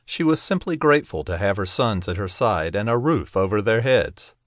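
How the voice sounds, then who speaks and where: A man narrating a children's audiobook in a gentle, expressive storytelling manner. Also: on the low side, moderate pace, no echo, clean studio sound.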